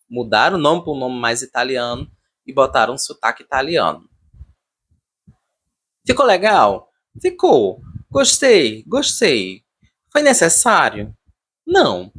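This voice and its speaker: A Brazilian video reviewer with a slightly high, a bit bright, husky voice gives casual, unscripted commentary. He repeats words and leans emphatically on his opinions.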